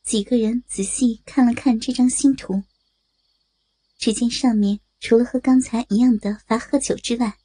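A woman narrating a story in a steady way. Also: fairly high pitch, normal speed, dry recording. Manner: steady narration, voicing characters. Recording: dry close voice with faint music.

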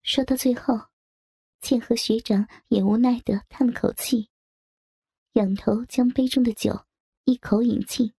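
A woman tells a first-person audio story in a soft, intimate voice. Her tone is dark and mellow, with a gravelly, husky grain. Faint music plays beneath her narration. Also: fairly high pitch, fairly even intonation, a little slow, no room sound, studio quality.

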